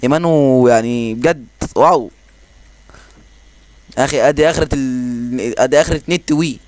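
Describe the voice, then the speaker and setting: A man with an Egyptian Arabic accent giving casual, excitable commentary over his own gameplay, joking and exclaiming as he plays. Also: medium pitch, normal speed, dry recording. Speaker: gaming channel host.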